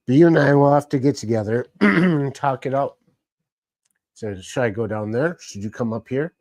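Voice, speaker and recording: A man's voice: medium pitch, normal speed, a little mellow, dry recording. A man casually hosting a live stream, rambling along and greeting chat viewers by name. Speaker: livestream host.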